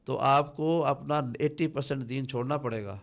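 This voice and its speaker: A man, a guest on a podcast, arguing his side in a heated debate, insistent and cutting in often. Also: mid-range voice. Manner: insistent, argumentative, cuts in often.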